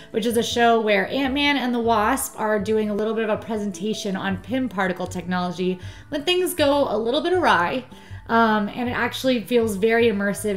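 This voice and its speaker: Bubbly woman vlogger, chatty. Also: on the high side. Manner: bubbly, enthusiastic, chatty with fillers. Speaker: vlog host. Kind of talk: casual travel vlog chat.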